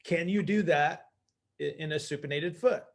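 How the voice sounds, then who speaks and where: A man coaches an informal group call in a slightly high voice at a moderate pace. He teaches emphatically, posing questions and answering them himself, and often checks in with "right?".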